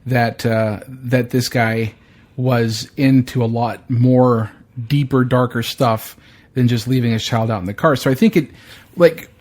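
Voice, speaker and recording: A man's voice: medium pitch, steady tone, a little slow, darkish tone. A man hosting a podcast, chatting in a blunt, opinionated way, swearing freely and often restarting his sentences. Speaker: podcast host. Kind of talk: casual chat.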